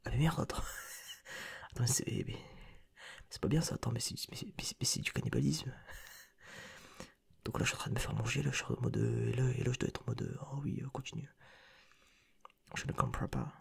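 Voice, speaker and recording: A man's voice: mid-range voice, a little fast, vocal fry, long pauses, husky. A man giving whispered ASMR reaction commentary as a content creator and streamer, rambling with slangy, joking asides, close to a sensitive microphone.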